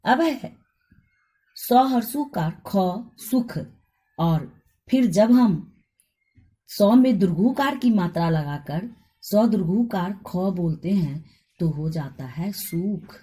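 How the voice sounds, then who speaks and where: Woman teacher, slow deliberate pace, mellow voice, spells out letters. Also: mid-range voice, animated. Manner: slow, spells out each letter and vowel sign. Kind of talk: Hindi grammar lesson.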